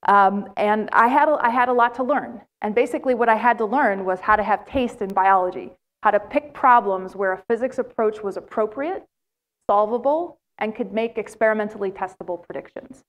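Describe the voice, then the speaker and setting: Speaking a little fast in a medium-pitched voice, a middle-aged woman from the United States delivers a plenary talk in a big lecture hall. Her style is animated storytelling, with questions directed at the audience.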